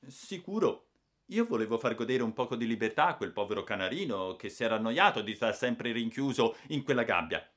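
A man's voice: medium pitch, animated, a little fast, fairly bright tone. A man reading aloud and voicing a cheeky young boy who argues back indignantly against the grown-ups. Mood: indignant defiance. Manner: indignant, pleading tone. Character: cheeky young boy, defiant and self-pitying. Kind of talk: audiobook character voice.

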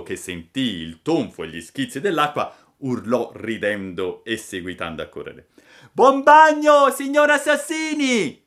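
A man reading a storybook aloud with expressive, dramatic narration. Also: on the low side.

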